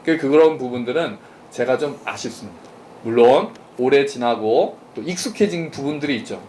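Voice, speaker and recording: A man's voice: mid-range voice, animated, moderate pace, darkish tone, slight background noise. A man pastor giving a conversational sermon at a church service, asking the congregation questions and joking with them. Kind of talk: interactive sermon.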